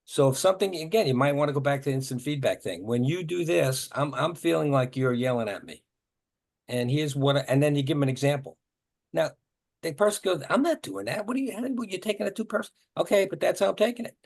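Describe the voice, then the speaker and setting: A man's voice: on the high side, gravelly. A man running a workshop on workplace communication, coaching participants in a conversational way and acting out short example exchanges. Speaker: workshop trainer. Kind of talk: leading a communication training session.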